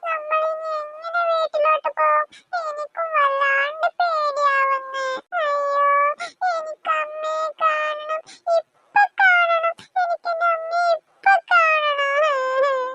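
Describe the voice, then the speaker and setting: Woman as a frightened little cartoon girl, crying, very high and squeaky, lo-fi dub. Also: flat delivery, a little slow, pushed and bright, no echo, soft background music, full character voice. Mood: frightened, pleading. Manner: whimpering, pleading, calling for mother. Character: scared little girl, clingy and tearful. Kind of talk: cartoon voice acting. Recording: dull lo-fi dry recording.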